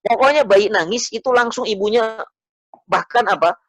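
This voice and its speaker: A man's voice: high-pitched, moderate pace, fairly bright tone, no echo. Guy preaching casually, asks the crowd stuff, dry close sound. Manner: conversational, asks the audience questions, acts out voices. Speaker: Islamic preacher. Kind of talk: religious study lecture.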